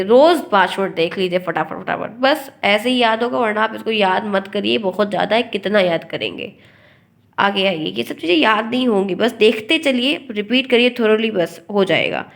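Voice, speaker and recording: A woman running an online exam-prep lesson, her voice sitting at a middle pitch. She is feeling unwell but keeps going, explaining word meanings and repeating pairs of words so students hear how their pronunciation differs. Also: gravelly. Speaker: teacher.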